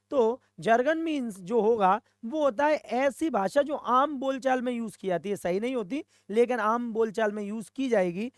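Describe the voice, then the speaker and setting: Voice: mid-range voice, dry recording. Teacher quizzing students, dry sound. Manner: mixes Hindi and English, asks and answers own questions; repeats "okay" to check in with students. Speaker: English vocabulary teacher. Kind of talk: recorded exam-prep lesson.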